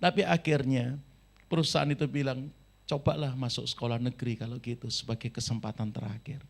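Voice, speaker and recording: A male pastor preaches in with a tinge and a gravelly edge to his voice. He tells his story with animation, shifting from loud to soft and putting on the voices of its characters. It is sermon storytelling at a church service. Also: mid-range voice, fairly even intonation, a little fast.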